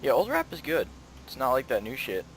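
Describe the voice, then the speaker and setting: A man's voice: mid-range voice, wildly swooping pitch, a little fast, slight background noise. A young man co-playing a game, chatting casually with blunt, crude quips. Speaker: co-player. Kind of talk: casual chat while gaming.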